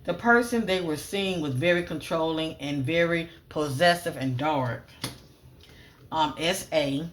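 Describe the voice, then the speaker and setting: Psychic reader host, mid pitch, casual monologue of choppy keyword cues, repeats and rereads often. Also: measured pace, fairly bright tone, slight background noise. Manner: lists clipped fragment cues, often "I'm getting"; casual, repeats phrases, frequent "um" fillers. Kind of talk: solo psychic reading, spoken monologue.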